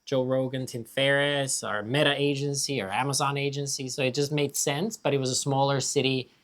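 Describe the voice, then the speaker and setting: A man from Finland, co-hosting a relaxed, explanatory chat and laughing easily. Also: mid-range voice, brisk. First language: Finnish. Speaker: co-host. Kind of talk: casual chat.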